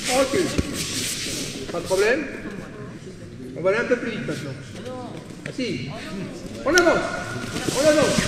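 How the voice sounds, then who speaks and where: Man instructor, high voice, shouted drill calls, echoey gym, background noise. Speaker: aikido instructor. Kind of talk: teaching a group class on the mat. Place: large gymnasium.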